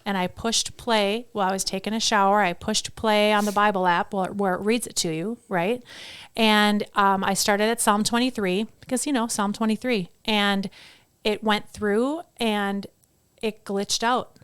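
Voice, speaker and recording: A middle-aged woman talks as a podcast guest in a smooth, resonant voice. She is chatty and upbeat and acts out the quotes in her stories. The sound is dry and close. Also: mid-range voice, fairly even intonation, unhurried, a bit bright, no echo. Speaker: podcast guest, headshot photographer. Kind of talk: casual podcast conversation.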